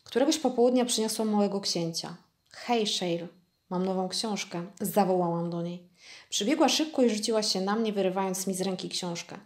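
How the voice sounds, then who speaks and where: Woman, vlogger, calm measured book reading, middle pitch, echoey room.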